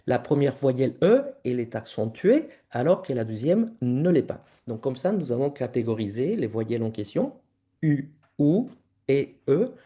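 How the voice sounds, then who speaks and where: A man presents research at an academic conference and explains each slide step by step for the audience. His voice is mellow and warm, with an ordinary middle pitch.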